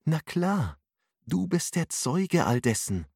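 A man's voice: fairly high pitch, sing-song, takes it slowly, gravelly, darkish tone, slightly rough, no room sound, clean studio sound, voice pushed up, exaggerated voice. A man voicing a patient, caring woman who guides and soothes, in an audiobook. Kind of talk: audiobook narration.

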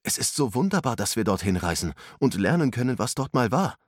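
Man voicing a young man, storybook, questioning, cheerful, higher voice, dry sound. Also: very animated, a little fast, no echo. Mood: doubtful. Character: young man, doubtful but cheerful friend.

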